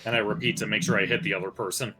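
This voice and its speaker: Male RPG player, low and forceful, blunt informal delivery, music faintly behind. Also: fairly even intonation, very fast. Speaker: tabletop game player. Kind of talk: casual in-character role-play and play narration. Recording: music under the voice.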